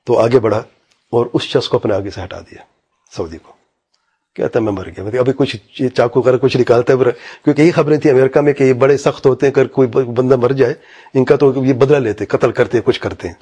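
Guy preaching, telling stories w quotes, breathy husky voice, throws in english medical words. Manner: retells anecdotes in quoted dialogue, drops to low, quiet asides; mixes English medical terms into his speech. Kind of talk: sermon storytelling.

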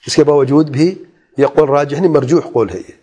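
Male religious teacher, slightly high, mellow voice, patient explainer who quizzes the class. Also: husky, highs cut off. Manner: explanatory, poses questions to listeners; softly demonstrates quiet recitation. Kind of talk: Islamic jurisprudence lesson.

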